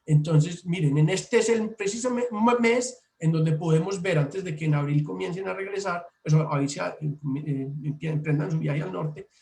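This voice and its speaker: Male presenter from Colombia, fairly high voice, explanatory and repetitive, echoey room. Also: normal speed, gravelly, hardly any pauses, a little mellow. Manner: explanatory, repeats himself, hesitant restarts. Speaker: birding workshop presenter. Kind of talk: online slide presentation. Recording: roomy echo.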